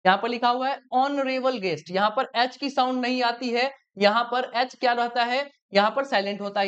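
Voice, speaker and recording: A woman's voice: fairly high pitch, smooth, muffled recording. A woman teacher giving a grammar lesson to children, asking questions and then answering them herself.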